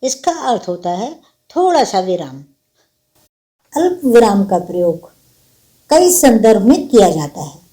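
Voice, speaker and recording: A woman teacher talks slowly and patiently, working through grammar rules one example at a time. Her voice sits at a middle pitch with a mellow, soft tone. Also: very animated. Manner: patient, explains step by step with examples. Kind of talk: grammar lesson.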